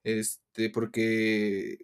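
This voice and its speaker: A man's voice: fairly low pitch, completely flat delivery, very slow, clear, resonant tone. A young man telling a personal story to friends in casual chat, rambling with lots of fillers and laughter. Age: young adult.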